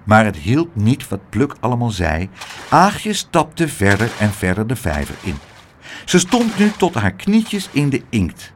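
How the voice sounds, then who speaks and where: A man reading a children's story aloud in a lively, expressive way. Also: medium pitch, measured pace, slight background noise. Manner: animated, expressive.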